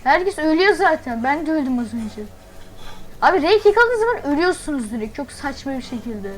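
A woman commenting on her gameplay as she plays, chatty and thinking aloud, with quick startled exclamations. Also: sits high, big pitch swings, low-quality recording. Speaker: gaming channel host.

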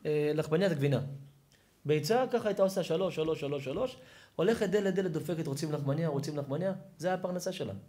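Dramatic storytelling rabbi, fairly high voice. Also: male voice. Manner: dramatic storytelling, swinging from hushed to shouted. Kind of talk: emotional moral sermon.

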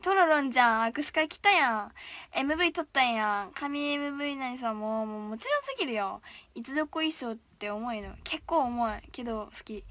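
Brief: young female idol, livestream chat, high and bright, playful, slips into whispers reading comments. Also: big pitch swings, fairly quick, no echo. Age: young, still a student. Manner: chatty and playful, drops to whispers while reading.

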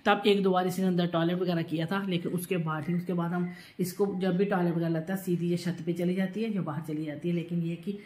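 A middle-aged woman vlogs from her kitchen, doing chores and talking fast in a lowish, a little mellow voice with fairly even intonation. Her chat is casual and rambling, hopping between topics, and she sometimes strays from the phone.

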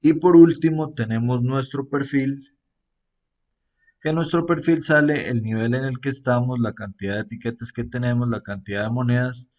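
Here a man reviewing an app talks casually over a screen recording, his pitch sitting comfortably in the middle. He tends to close lines with a quizzical aside and hesitates on fillers, all captured in a mildly muffled, dull recording.

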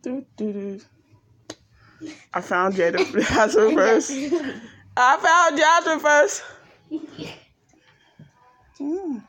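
A young woman, phone in hand, walks through an empty house filming a game of hide-and-seek for a casual vlog. Her high-pitched, slightly bright voice moves extremely slowly with long pauses, playful, teasing and sing-song.

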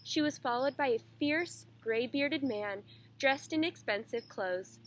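A woman teacher reading a children's picture book aloud in a clear, expressive way. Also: high voice, a little slow.

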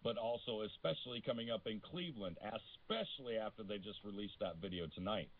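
A man's voice: on the low side, animated, brisk. Outspoken American man on a phone-like line. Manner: emphatic, outspoken. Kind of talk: casual opinionated talk radio.

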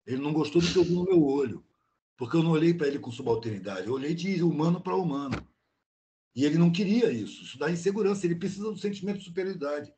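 A man's voice: sits high, darkish tone. An older man talking on a video call, telling a blunt, slangy story in casual chat. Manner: blunt and slangy, peppered with "mano". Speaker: meeting participant.

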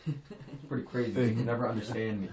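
A man's voice: mid-range voice, quick pace, a crowd in the background. A man with a Southern US accent making friendly, rambling small talk in a game voice chat, laughing at himself. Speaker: gamer chatting with strangers. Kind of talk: casual voice chat.

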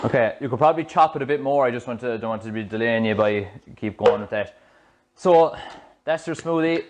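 Irish guy making a smoothie in his kitchen, lapel mic, talks loose and friendly with lots of restarts. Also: medium pitch, fairly quick, heavy background noise. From Ireland. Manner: chatty, explanatory, loose restarts. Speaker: fitness coach. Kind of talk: casual cooking demonstration. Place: home kitchen, indoors. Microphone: small clip-on mic.

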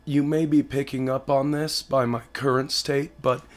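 Hoarse man with a half-lost voice. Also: mid-range voice, flat delivery, moderate pace. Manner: blunt, sweary, self-deprecating. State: hoarse, voice partly lost from a chest infection. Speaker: podcast host. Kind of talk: casual solo update to camera. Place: living room at home.

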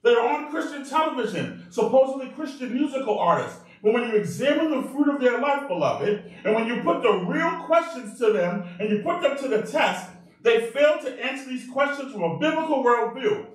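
A male pastor preaching a sermon in an animated way, calling out to the congregation for responses. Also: very high voice, moderate pace. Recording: very echoey room, mic far off.

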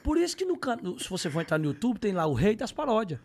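A man's voice: high-pitched, sing-song, quick pace, darkish tone. A man, telling stories on a podcast in casual, slangy chat and bursting into sung parodies. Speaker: podcast guest, comedian.

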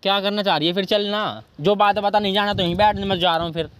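A man's voice: sits high, steady tone, fast, a bit bright, clear, resonant tone. A man in a casual argument with his girlfriend, coaxing and pleading over and over, yet stubborn. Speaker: boyfriend pulling a prank.

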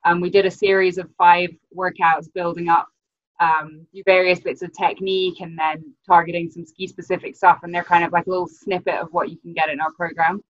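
She's a ski coach from Britain in her twenties, chatting casually on a video call in a lowish, level voice that runs a little fast. Fillers like "um" and "like" come up constantly, she laughs often, and the lo-fi call audio is dull with no echo.

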